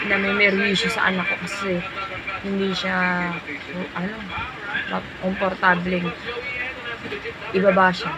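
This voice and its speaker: A woman with a Filipino accent, a mother chatting casually and haltingly to her vlog viewers in a confiding way. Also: on the low side. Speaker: vlogger and mother. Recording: noisy phone video with loud ambient noise.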